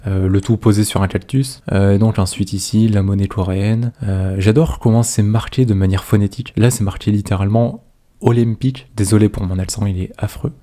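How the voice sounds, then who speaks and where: A man's voice: on the low side, fairly even intonation, a little fast, few pauses, warm tone. A man, casually commenting on a coin collection, hesitant and thinking aloud with many fillers. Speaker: coin collecting video host.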